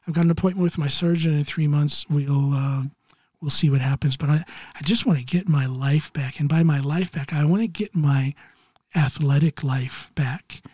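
A man in his early fifties from Ohio, hosting a solo podcast while recovering from neck surgery, talking haltingly and clearing his throat often. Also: fairly high pitch, steady tone, a little mellow, no room sound, clean studio sound. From Ohio, USA. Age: 50s. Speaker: podcast host. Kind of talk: casual solo podcast monologue.

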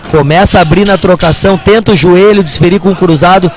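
A man's voice: high-pitched, fast talker, faint music behind. A Brazilian man giving live kickboxing commentary as a fight commentator.

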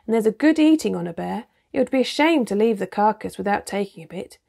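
A woman reading the lines of a gruff, blunt male dwarf soldier in a storybook, with a practical, grumbling manner. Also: mid-range voice, expressive, quick pace, mellow.

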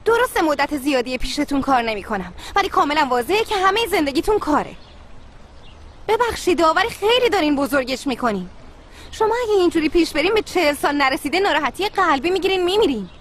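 An actress dubbing a cheeky, playful young female employee in a TV drama, teasing and lively. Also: high-pitched, a little hiss or hum. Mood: frank. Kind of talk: dubbed TV drama acting.

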